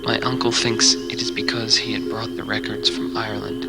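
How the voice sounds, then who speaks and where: A man calmly narrating a reflective scripted voice-over. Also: on the low side, normal speed, low-quality recording. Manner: calm, even reflective telling. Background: loud music.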